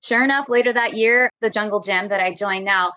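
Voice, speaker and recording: A woman's voice: medium pitch, a little fast, bright, forceful tone, clear, resonant tone, no echo, dull audio. Upbeat young woman, dry close sound. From Florida, USA. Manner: upbeat, eager storyteller who laughs easily. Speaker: podcast guest. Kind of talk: casual interview chat.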